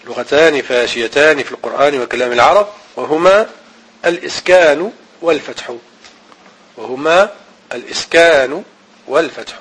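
A man teaching an Arabic grammar and Quran reading lesson, repeating each rule slowly and chanting the verses he quotes. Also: fairly high pitch, a bit bright, slightly rough, low-quality recording.

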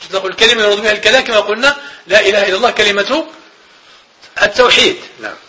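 A man giving a classroom grammar lecture, repeating each definition slowly and checking that students follow. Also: sits high, lively intonation, pushed and bright. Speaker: grammar teacher.

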